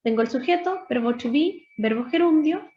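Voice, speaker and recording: A woman teacher speaks in a high voice, patiently walking through each point in a recorded online lesson. She slows down to model English words. The sound is dull and lo-fi. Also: lively intonation. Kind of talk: recorded online lesson explaining grammar and pronunciation.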